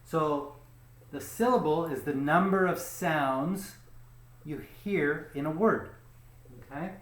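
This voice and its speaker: A man teaching English pronunciation in a slow, patient lesson, often checking in with "okay?" and stretching out the example words. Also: on the high side, fairly bright tone, roomy sound.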